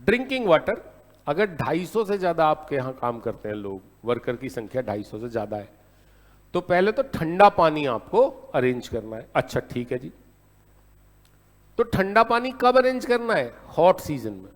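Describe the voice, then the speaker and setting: A man teaching a law lecture in a lively storytelling way, often checking in with his class. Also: a little high, normal speed, long reverb tail. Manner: lively storytelling, keeps asking "है ना?".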